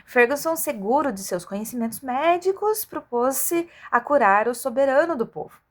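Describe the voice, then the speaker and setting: A woman's voice: sits high, animated, normal speed. A woman reading a children's adventure novel aloud as an audiobook, expressively, with the odd stumble of an amateur reader.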